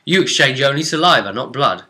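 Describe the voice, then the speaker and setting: A game master recaps a tabletop role-play campaign, telling the session's story informally with emphatic, dramatic delivery. His medium-pitched voice is animated, brisk, pushed and bright.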